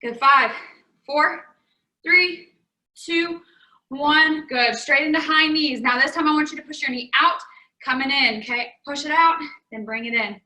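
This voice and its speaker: A woman's voice: high-pitched, brisk, bright, forceful tone. A young woman leading a home workout class, cheerfully coaching moves and counting down while slightly out of breath. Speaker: fitness instructor. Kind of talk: guided workout instruction. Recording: echoey room.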